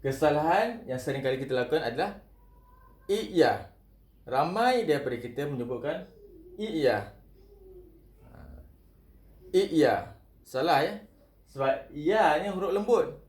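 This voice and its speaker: A man teaching Quran recitation, repeating each sound slowly and chanting verses in a drawn-out way. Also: a little high, animated, a little mellow. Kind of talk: recitation lesson. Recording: echoey room.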